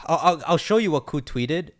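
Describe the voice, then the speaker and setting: A young man hosting a casual livestream chat, talking fast and excitedly in slangy fan speculation. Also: a little high. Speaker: channel host.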